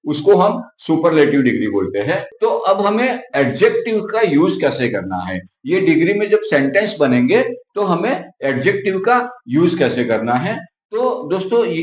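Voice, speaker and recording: A man with a fairly high voice teaches English grammar and says "okay" again and again. He says example words slowly a second time. The recording is echoey and a little dull. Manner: says "okay" often, writes while explaining. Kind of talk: explaining grammar to viewers.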